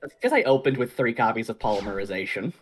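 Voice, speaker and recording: Sarcastic gamer with a lively voice. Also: medium pitch, fast, slight background noise. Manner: sarcastic, dramatic mock despair. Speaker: player in a card game. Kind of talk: casual gaming chat.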